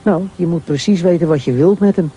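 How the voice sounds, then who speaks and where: A man voicing a calm, patient middle-aged father who explains things to his son. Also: on the high side, brisk, slightly rough. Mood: explaining.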